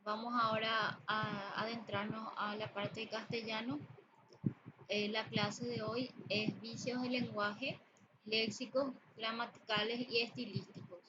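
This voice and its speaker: A woman teacher giving a spoken lesson on grammar and usage, explaining slowly with pauses and fillers. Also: fairly high pitch, flat delivery. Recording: dull lo-fi audio with background noise.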